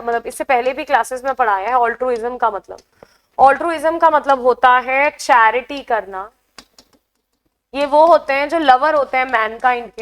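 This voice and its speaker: Indian woman, exam-prep teacher, high voice, explains patiently and checks in with students. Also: a bit bright. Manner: explains in mixed Hindi and English, checks understanding with questions. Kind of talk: online classroom lesson.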